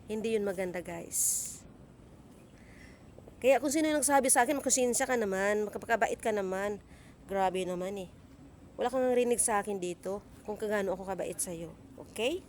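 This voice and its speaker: A woman's voice: mid-range voice, a little hiss or hum. A middle-aged woman vlogging in a casual rant, indignant and scolding, with lots of rhetorical questions. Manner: talkative, asks rhetorical questions.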